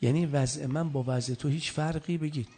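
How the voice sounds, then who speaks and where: A man's voice: on the high side, steady tone, mellow, breathy edge. A man giving a sermon, telling a scripture story and quoting Arabic verses between plain talk. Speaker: preacher.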